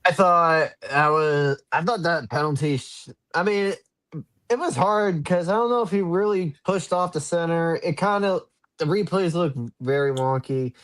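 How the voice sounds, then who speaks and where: A man's voice: fairly high pitch, moderate pace, fairly bright tone. A man on a casual sports talk show giving a hesitant, rambling breakdown of a game. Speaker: panelist.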